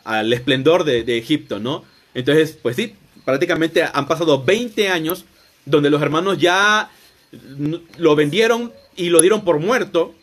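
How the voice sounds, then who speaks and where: A man's voice: a little high, fairly bright tone. A man retelling a Bible story in a loose, conversational sermon, often restarting and rephrasing as he goes. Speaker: preacher. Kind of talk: informal Bible teaching.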